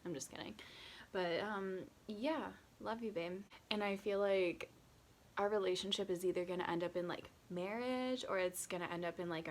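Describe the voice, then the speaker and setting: Twenties woman, tipsy and self-mocking, low-ish voice, rambling vlog chat. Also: a little hiss or hum. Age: 20s. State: tipsy from drinking. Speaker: vlogger. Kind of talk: casual get-to-know-me chat.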